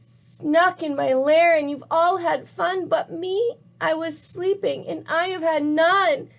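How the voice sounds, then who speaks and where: A woman's voice: extremely high pitch, fairly even intonation, takes it slowly, creaky, voice pushed up, heavily acted. A woman voicing a grumpy, sulky big male bear in a storybook reading, complaining with a raised voice.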